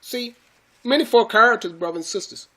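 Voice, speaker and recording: A man with a high, bright, forceful voice preaches scripture to his followers. He keeps repeating phrases for emphasis and calls his listeners brothers and sisters. The delivery is emphatic and insistent. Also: a little fast. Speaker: religious teacher.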